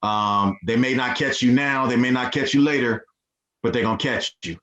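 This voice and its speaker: A man speaking as a podcast guest in a relaxed, laid-back way, with lots of fillers. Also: medium pitch, moderate pace. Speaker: guest, nonprofit founder. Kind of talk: casual interview chat. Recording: dull lo-fi sound.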